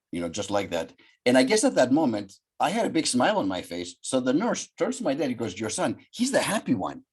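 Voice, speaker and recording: An older man from Greece, a psychologist guest telling a story on a video call from his home office, in an animated, gesturing way. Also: mid-range voice, breathy edge. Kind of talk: storytelling interview.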